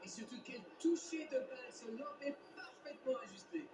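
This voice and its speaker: A man's voice: very high-pitched, lively intonation, normal speed. An actor playing an opinionated male football co-commentator analysing a match in a video game. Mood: impressed. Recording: distant, echoey, noisy TV game audio.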